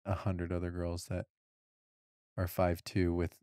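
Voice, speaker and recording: Deep-voiced joking young man. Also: monotone, unhurried, dark tone, smooth, no room sound, studio quality. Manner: joking, teasing. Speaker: podcast co-host. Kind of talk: casual chat.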